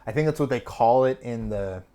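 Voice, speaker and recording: A man's voice: mid-range voice, brisk, dark tone. A young man co-hosting a podcast, chatting casually and rambling with fillers and restarts. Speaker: podcast co-host. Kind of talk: casual chat.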